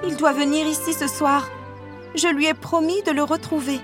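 Woman voicing a bright eager teenage girl. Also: high-pitched, fairly even intonation, moderate pace, music in the background, voice pushed up, lightly acted. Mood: pleading. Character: joyful lovestruck sixteen-year-old girl.

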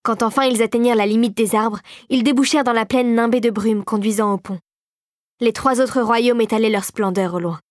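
A woman narrating an audiobook for children, steady and clear. Her voice sits a little high, and the recording is dry and close. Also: brisk, dry recording.

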